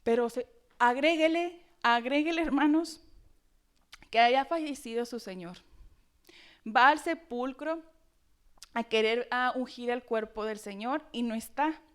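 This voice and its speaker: A woman preacher delivering a Sunday sermon with expressive, dramatic rhetorical questions. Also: fairly high pitch, unhurried, pauses often.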